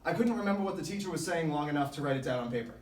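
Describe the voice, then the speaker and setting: Speaking to a sports team, a motivational speaker with a slightly high male voice tells his story earnestly and deliberately, leaning on key phrases with lively intonation. The microphone sits some distance away in an echoey room, so the sound is very roomy.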